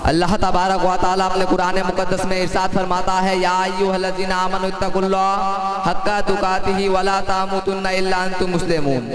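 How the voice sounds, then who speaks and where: A boy delivering a sermon at a religious conference, chanting and rising to impassioned shouts. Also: high voice, monotone, normal speed, slight background noise. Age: child. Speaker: preacher. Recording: echoey hall with crowd.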